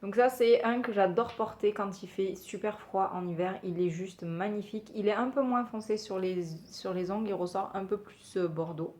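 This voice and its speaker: A woman's voice: mid-range voice, normal speed, hardly any pauses, darkish tone. A woman talking casually as a beauty vlogger, chatty and hesitant with many fillers. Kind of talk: casual product review.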